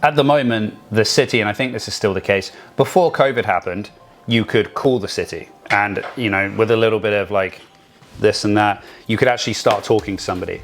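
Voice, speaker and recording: A man's voice: fairly low pitch, brisk, soft background music. A man co-hosting a real estate podcast, talking in a casual, rambling way with many restarts and the odd joke. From Vancouver area. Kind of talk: casual chat.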